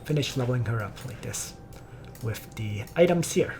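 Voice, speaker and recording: A woman giving relaxed, casual gameplay commentary, explaining her strategy step by step. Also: extremely low pitch, moderate pace, a little hiss or hum. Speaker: game video player.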